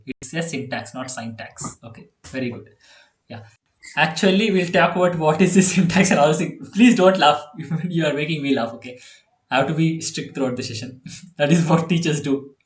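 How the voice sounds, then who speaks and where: A man with an Indian English accent tutoring a child in programming on a video call, chatty and quick to laugh. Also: on the high side, expressive, echoey room. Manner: chatty, laughs often, repeats okay and yeah. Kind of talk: online one-on-one coding lesson.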